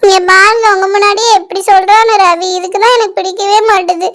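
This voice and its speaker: A woman's voice: extremely high pitch, fairly even intonation, fairly quick, fairly bright tone. A woman voicing a sulky, whiny young schoolgirl in a doll storybook video, pleading with her mother. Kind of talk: storybook doll-play acting.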